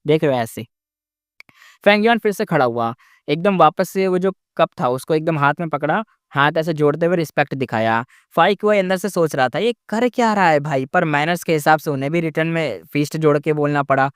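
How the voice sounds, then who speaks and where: Chatty guy retelling a story, slightly high, crisp clean voice, dry close mic. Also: a little fast, fairly bright tone, no echo. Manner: chatty, with asides. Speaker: story narrator. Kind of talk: casual storytelling narration.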